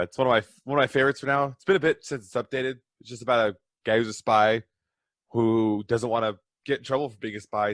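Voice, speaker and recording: A man talks casually as a guest on a podcast, rambling through long stories and poking fun at himself. His voice sits at an ordinary pitch, recorded dry and close with no room around it. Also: fairly bright tone, no echo. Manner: rambling, self-deprecating storyteller. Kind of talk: casual chat.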